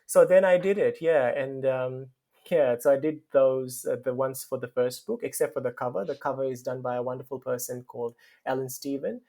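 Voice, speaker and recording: A man's voice: medium pitch, fairly even intonation, moderate pace, gravelly, dark tone. A man from Fiji with a Fiji Indian accent, speaking as a guest author in a conversational interview, telling personal stories.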